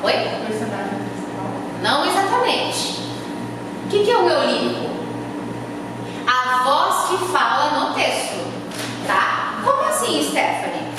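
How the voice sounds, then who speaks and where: Brazilian woman teacher, slow and high-pitched, patient questioning, recorded from afar in an echoey hall with audible noise. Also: animated. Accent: Brazilian Portuguese. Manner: explains patiently, quizzing students with questions. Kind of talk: classroom lesson on poetry. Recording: echoey hall from far off, noisy.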